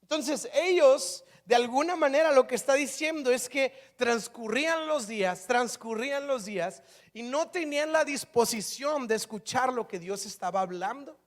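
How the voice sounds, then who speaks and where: A man preaching a sermon in a church, telling biblical stories in an animated way and acting out the dialogue. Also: very high voice, normal speed. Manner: animated storytelling, acts out biblical dialogue in voices. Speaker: pastor.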